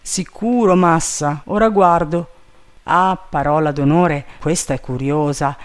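A man voicing a timid, bumbling male servant up a tree, fretful and loud, in a storybook reading. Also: fairly high pitch, measured pace, close to an everyday voice.

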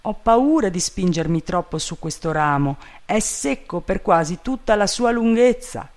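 Man playing a high, anxious servant, bumbling, loud, storybook voice. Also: lively intonation, unhurried. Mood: fretful. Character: timid, bumbling male servant up a tree.

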